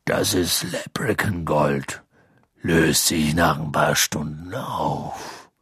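A man voicing a big, gruff but kind-hearted male giant gamekeeper with a gravelly, husky, rough voice. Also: very deep voice, fairly even intonation, takes it slowly, fairly bright tone, dry recording, studio quality, voice pushed down, full character voice. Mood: booming teacher. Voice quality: gravelly, husky, rough dialect-tinged speech.

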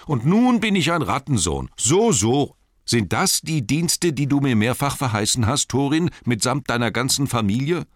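A man voicing a small, fussy male hobbit in an audiobook, talking in a piping, hurried way. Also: mid-range voice, big pitch swings, dry recording, studio quality, pitched above the performer's own voice, natural voice. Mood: indignant. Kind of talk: audiobook character voice.

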